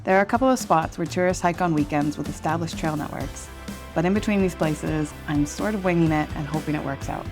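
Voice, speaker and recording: A woman with a low voice narrates her travel film in a scripted, measured way. Her delivery is reflective, with faint music running beneath it. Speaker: vlog narrator.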